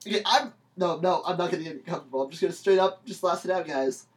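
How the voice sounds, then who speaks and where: A young man co-hosting a podcast, playful and quick to laugh in casual banter. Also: high voice, recorded from a distance. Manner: giggly and playful. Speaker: podcast co-host.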